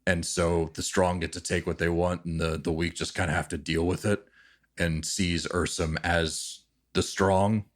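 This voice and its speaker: A man narrating and explaining a tabletop role-playing game as game master, often halting as he works out what to say. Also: sits low, flat delivery.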